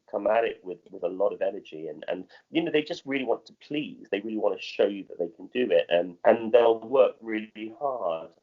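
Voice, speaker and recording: Tiefe britische Männerstimme, stockend erzählend. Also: male voice, fairly low pitch, phone-quality sound. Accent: modern British. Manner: halting, often repeating and rephrasing phrases. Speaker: theatre director. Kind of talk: conversational interview answers.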